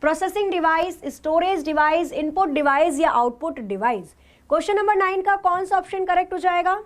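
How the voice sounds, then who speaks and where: Extremely high-pitched, animated and fairly quick, a female teacher leads a live online class. She asks questions only to answer them herself, sprinkling English terms throughout.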